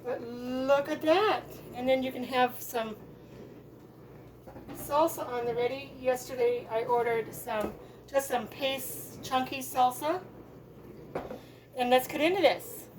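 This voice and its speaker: A woman hosting a home cooking video, chatting in a homey way and tasting as she goes in her kitchen. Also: high-pitched. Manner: chatty, slow and homey, talking with her mouth full. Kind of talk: casual cooking demonstration. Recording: audible background noise.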